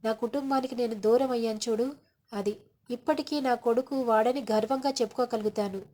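A hurt, proud middle-aged father speaks reproachfully and grows loud and defiant, voiced by a woman retelling the story. The voice sits fairly high. Told as a storybook retelling. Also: fairly even intonation, a little fast, close to an everyday voice. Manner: reproachful, raises voice to defiant shouting.

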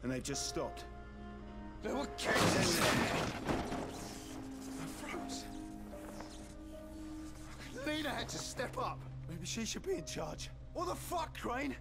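A man's voice: high-pitched, big pitch swings, slow pace, pauses often, loud music behind the voice, heavily acted. A man playing an emotional, self-doubting, distraught survivor leader in a video game. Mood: anguished. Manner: emotional, profane.

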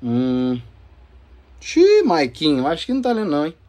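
A mellow, sing-song voice of medium pitch, racing along. It's the host of a gaming video channel, Brazilian-accented and playfully informal, guiding his audience through console testing in relaxed, slangy speech.

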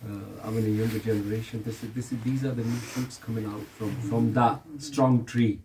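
A religious elder whose first language is Urdu gives earnest advice at a home gathering, seated on the floor of a carpeted room. His fairly low voice is flat and a little fast over background noise, and he often repeats phrases and asks "you understand me?" in this casual chat.

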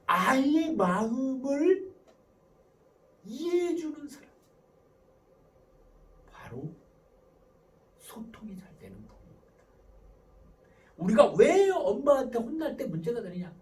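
A man's voice: extremely high pitch, sing-song, unhurried, long pauses, dark tone, far from the mic, poor audio. A man lecturing to parents, asking questions and answering them himself. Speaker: professor giving a parenting lecture.

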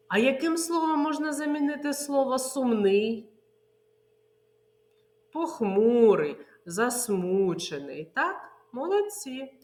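Slow, sing-song preschool teacher woman. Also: a little high, bright, forceful tone. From Ukraine. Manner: sing-song, drawn-out words, answers her own questions. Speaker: kindergarten teacher. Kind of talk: online preschool literacy lesson. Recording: echoey room.

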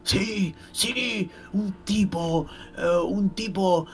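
A man's voice: sits high, drawn-out words, a bit bright, faint music behind, voice pushed up, full character voice. A man voicing a hungry, bitter beggar in a tabletop game, pleading and agitated. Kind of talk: tabletop game role-play.

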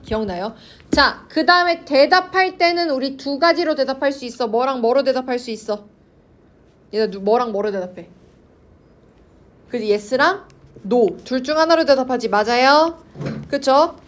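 A woman with a high voice and normal speaking speed teaches an online English grammar class. She coaxes her students and constantly checks in with them.

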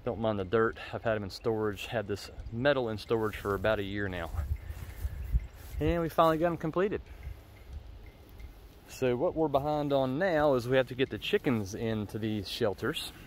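A man with a mid-range voice gives a casual, folksy tour of his farm at a normal pace, talking plainly into a handheld phone as a farmer and vlogger. It's windy outdoors, so a glove covers the phone's microphone to block the gusts.

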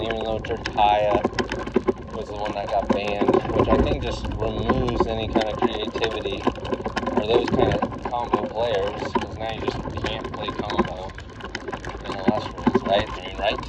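Man rambling casually outdoors over loud noise. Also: lowish voice, steady tone, normal speed. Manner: hesitant, blunt, informal, often swearing. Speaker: card game vlogger. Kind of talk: casual rambling monologue recorded on a walk. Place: outdoors, walking.

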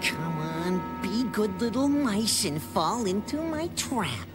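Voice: medium pitch, sing-song, takes it slowly. An actor voicing a scheming, cowardly rat thief in a cartoon. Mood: gloating. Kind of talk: cartoon voice acting. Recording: loud music behind.

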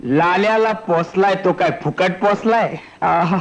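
A sly, chuckling village thief. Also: male voice, high voice, a little slow, a crowd in the background. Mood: scheming, chuckling. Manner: chatty, laughing, wheedling and bossy. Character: sly, boastful village thief, middle-aged man. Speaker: scheming village thief in a film comedy.

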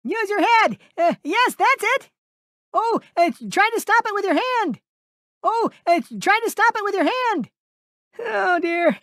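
Tiny timid piglet, very high-pitched. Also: male voice, animated, a little slow, bright, forceful tone, no echo, clean studio sound, exaggerated voice. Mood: anxious, encouraging. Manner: hesitant, stammering, fretful, polite. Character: Piglet, small timid, anxious, kindly male piglet. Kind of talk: cartoon video game character voice clips.

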